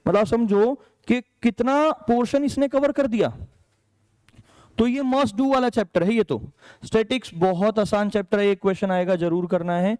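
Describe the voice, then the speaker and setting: A male maths teacher from India walks students through an exam strategy, his high voice clear and ringing. He talks in a chatty, encouraging way, checks in with the class often, and mixes English subject terms into his Hindi. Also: moderate pace, darkish tone. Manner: chatty, checks in with "ठीक है", calls students "बेटा".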